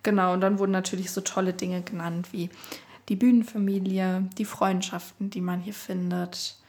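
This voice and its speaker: Young woman podcaster, just chatting casually w her co-host, jokey, normal pitch. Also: flat delivery, normal speed, darkish tone.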